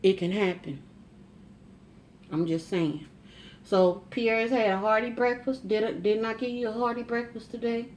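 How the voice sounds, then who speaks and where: A woman's voice: a little high, fairly even intonation, moderate pace, darkish tone, a little hiss or hum. A middle-aged woman chatting casually to camera at home, folksy and teasing, with frequent asides to her viewers. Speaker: vlogger.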